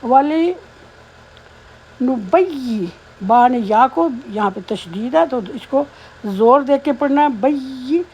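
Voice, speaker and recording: High-voiced woman teaching Quran recitation. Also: darkish tone, a little hiss or hum. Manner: slow melodic chanting of verses, then patient spoken explanation. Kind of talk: tajweed lesson, recitation with explanation.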